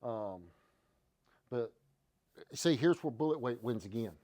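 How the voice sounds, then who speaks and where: A man hosting a casual livestream, talking in a folksy, relaxed way. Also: mid-range voice, a little slow, no room sound. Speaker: show host.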